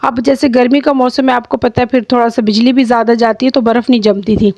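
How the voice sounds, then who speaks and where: A woman's voice: fairly high pitch, steady tone, fast, darkish tone, dry recording. Chatty Pakistani woman with slightly sore throat. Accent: Pakistani Urdu. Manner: chatty and rambling, with many fillers and restarts. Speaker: vlogger, homemaker. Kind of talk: casual home vlog talk to viewers. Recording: dry close sound.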